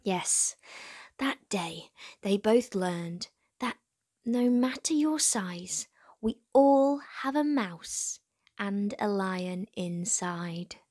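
A woman reading a children's storybook aloud expressively as host, with dramatic pauses and hushed emphasis. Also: mid-range voice, animated.

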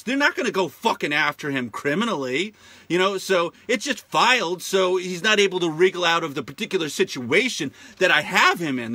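A man rants in a sarcastic, swear-laden monologue, his voice very bright and tense with a forceful edge. He sits a little above the usual male pitch. He piles up repeated words to drive each point home. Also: slightly rough, no room sound. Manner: profane, indignant and sarcastic; repeats words heavily for emphasis. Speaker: show host. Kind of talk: ranting monologue.

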